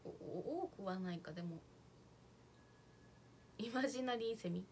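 A woman's voice: mid-range voice, lively intonation, normal speed, darkish tone, slight background noise. A young woman chatting casually on a livestream, reading out viewer comments and thanking them as she goes. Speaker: idol livestreamer.

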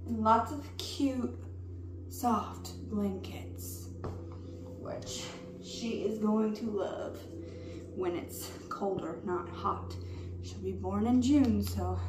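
A young woman chats slowly through a haul of baby gifts, slightly out of breath from pregnancy. Her voice sits back from the mic in an echoey room. Steady background noise runs underneath. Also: medium pitch, far from the mic. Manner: slow, unhurried show-and-tell of items. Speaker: vlogger. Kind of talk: casual haul vlog.

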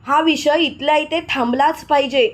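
A woman narrator voicing a fierce, angry young village woman with a sharp, accusing manner. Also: sits high, fairly even intonation, normal speed, lightly acted.

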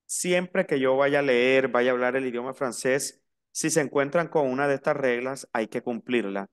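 A man teaching a French lesson in Spanish, slowly spelling out and repeating each word. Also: mid-range voice, clear, resonant tone. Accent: Latin American Spanish. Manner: slow, spelled-out pronunciation drills. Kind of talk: online language lesson.

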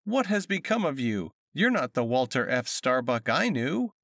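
A man reading an audiobook, voicing a loud, piercing shopping bag lady who wails and clings. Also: medium pitch, very animated, moderate pace, no room sound, clean studio sound. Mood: keening. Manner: wailing, overly familiar.

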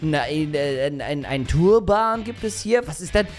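Excitable young man commenting on a game. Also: a little high, moderate pace, soft background music. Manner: excitable, teasing, shrieks and laughs at his game. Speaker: gaming YouTuber. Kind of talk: let's play commentary.

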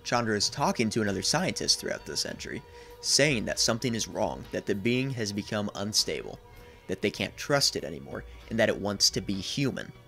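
A man in his 20s, working as a video essayist, delivers a scripted recap of a horror series in a small indoor room, with soft music in the background. His lowish voice is sing-song, creaky, and bright, with a forceful tone and a slightly fast pace.

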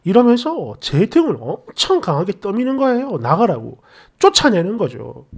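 A woman's voice: mid-range voice, big pitch swings, normal speed, darkish tone, breathy edge. A woman narrating a personal story in a casual, exasperated, conversational way.

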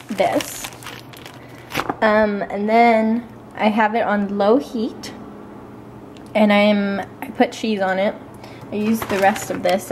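A woman's voice: medium pitch, background noise. A young adult woman vlogger chatting casually into a handheld camera in a home kitchen. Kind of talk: casual vlog chat.

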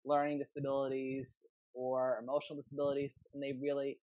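A man's voice: medium pitch, completely flat delivery, fairly quick, darkish tone, no room sound, poor audio. A young man from New York, a spinning instructor, telling his story eagerly and rambling on a home video call. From New York, USA. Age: young adult. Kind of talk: casual video call interview.

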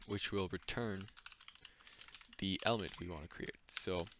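A coding tutor in a screen-recorded walkthrough explains his code as he types, thinking aloud and making small slips. His voice sits low and he speaks a little slowly, captured on a dull, noisy lo-fi mic alongside keyboard typing and clicks.

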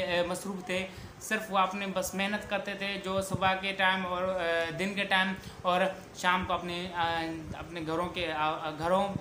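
A man's voice: high-pitched, bright, forceful tone. A young man explains a poem as a tutor. He speaks casually and hesitantly, with many fillers and restarts, into a lapel mic in a small room. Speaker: literature tutor. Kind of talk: casual spoken summary of a poem. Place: small indoor room against a wall. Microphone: clip-on lapel mic. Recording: echoey room with faint hum.

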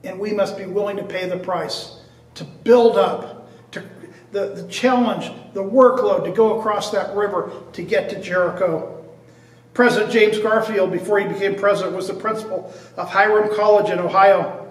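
A man's voice: sits high, fairly even intonation, normal speed. An older man preaching a sermon at a church pulpit, earnest and repetitive, stressing each point. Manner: earnest preaching with repeated phrases and restarts. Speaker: pastor. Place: church sanctuary in front of a stained glass cross. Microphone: far camera at a pulpit. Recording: echoey church heard from a distance.

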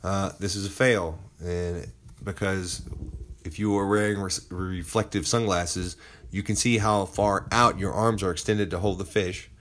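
A man hosting a travel and fishing vlog, narrating his trip in a relaxed, conversational voice-over with frequent "uh" fillers. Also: sits low, unhurried. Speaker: vlog host.

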